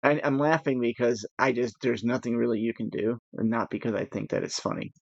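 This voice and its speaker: A man's voice: medium pitch, brisk, creaky, no room sound, dull audio. Rambling, nervously laughing man. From United States. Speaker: gaming podcast co-host. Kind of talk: casual chat while gaming.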